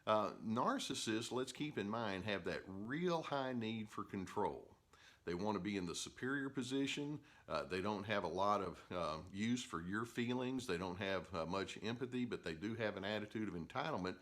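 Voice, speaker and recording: An older male therapist talks straight to camera in an unhurried, instructive way. His voice sits fairly low, and he often pauses on "uh" as he tells his stories. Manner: calm storytelling with filler "uh"s. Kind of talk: educational talk to camera.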